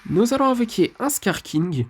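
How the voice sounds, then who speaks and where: A man's voice: very high-pitched, very animated, moderate pace, soft background music. A man giving casual commentary over his mobile game match, chatty and leaning on filler phrases. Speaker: mobile game channel host.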